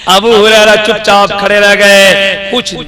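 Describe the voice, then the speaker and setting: A man preaching a sermon, telling a story and urging the audience to call out louder. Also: sits high, monotone, unhurried. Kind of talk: devotional sermon to a crowd. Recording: live event with loud crowd.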